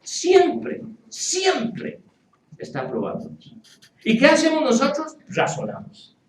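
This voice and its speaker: A man preaching a sermon in a church, playful and animated, acting out quoted voices as he teaches. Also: very high-pitched, slow pace, echoey room, far from the mic, slight background noise, low-quality recording. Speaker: pastor. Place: church hall with congregation.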